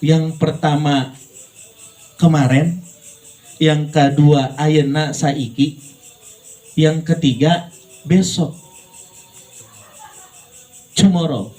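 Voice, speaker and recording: A man preaching a lively, joking sermon, talking straight to the congregation and swinging between playful high voices and low earnest tones. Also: very slow, pauses often, soft background music, low-quality recording. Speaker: Islamic preacher.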